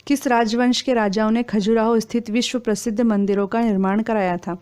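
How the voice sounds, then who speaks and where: A woman reading exam quiz questions and their answers in a steady, formal recitation. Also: fairly high pitch, brisk, clean tone.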